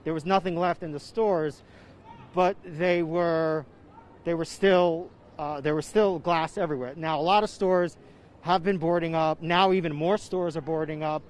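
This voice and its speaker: A man reporting live from the street, conversationally and haltingly answering viewer questions, slightly muffled by a face mask and breathing heavily. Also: on the high side, steady tone. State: breathing heavily in warm, humid air. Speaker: field news reporter. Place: outdoors on a city street during a march. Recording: outdoor street noise with traffic.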